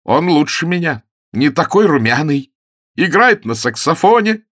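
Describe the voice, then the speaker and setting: A sulky, hot-tempered young gentleman who blusters when jealous, voiced by a male audiobook reader. The voice is raised above the reader's own and swings widely. A slight husk runs through it. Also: a little high, very animated, a little slow, no echo, clean studio sound, voice pushed up, full character voice.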